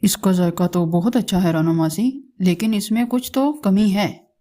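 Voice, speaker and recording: A lazy young crow with a sulky streak, complaining in a whiny voice, voiced by a woman. The tone is mellow and soft at a middle pitch. This is a cartoon character who grumbles a lot. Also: normal speed, lightly acted. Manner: whiny, resentful.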